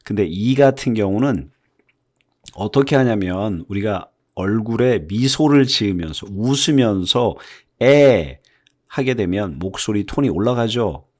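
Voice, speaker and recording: A man's voice: fairly low pitch, lively intonation, a little slow, a little mellow. A man whose first language is Korean, teaching English phonics in a video lesson, patiently explaining and repeating example words to demonstrate the vowel sounds.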